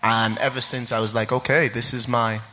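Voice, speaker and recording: A man's voice: mid-range voice, flat delivery, moderate pace, sharp tone, slight background noise. A young man from Ireland, sharing his testimony at a church service in a chatty way full of fillers and laughter, then reading scripture.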